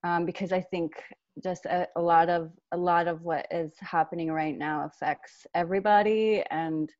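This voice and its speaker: A woman's voice: on the low side, steady tone, moderate pace, a little mellow, dry recording. A woman from Iran, an artist, introducing herself on a panel in a thoughtful way, searching for her words. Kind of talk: roundtable introduction. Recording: dull lo-fi audio.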